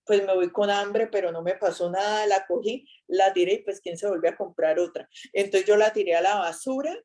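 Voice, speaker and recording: A woman giving a casual faith talk, chatty and animated as she tells an anecdote. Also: medium pitch, normal speed.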